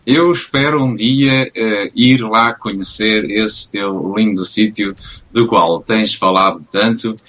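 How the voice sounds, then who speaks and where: Husky, low-voiced radio host. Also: male voice, slow, a bit bright. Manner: hesitant, many restarts and fillers. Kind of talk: casual radio interview.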